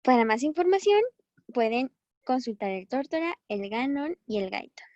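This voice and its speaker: A woman's voice: sits high, expressive, normal speed, darkish tone, no echo, lo-fi sound. A woman teaching a biochemistry lesson in a chatty, encouraging way, often correcting herself as she goes. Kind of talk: recorded online class.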